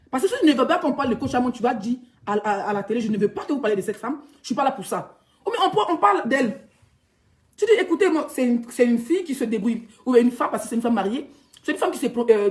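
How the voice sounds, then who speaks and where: A woman blogger with an Ivorian French accent, ranting in a heated, mocking vlog monologue. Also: high voice. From Ivory Coast. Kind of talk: ranting social media vlog.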